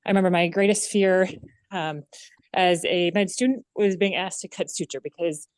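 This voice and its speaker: A woman surgeon introducing two colleagues before a presentation, hesitant and filling pauses with "um". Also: lowish voice, smooth. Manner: hesitant, many "um" fillers.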